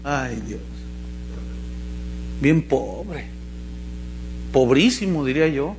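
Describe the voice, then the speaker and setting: Brief: male pastor, high-pitched, sardonic sermon full of questions. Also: expressive, extremely slow, noisy background. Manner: mocking, humorous, asks the congregation questions.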